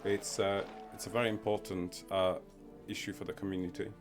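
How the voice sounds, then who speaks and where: Man, lowish voice, live game stream, rambly self-talk, music playing under him. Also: flat delivery, fairly quick. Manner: rambling, muttering to himself, chuckles at his own wordplay. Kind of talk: casual live-stream commentary while playing.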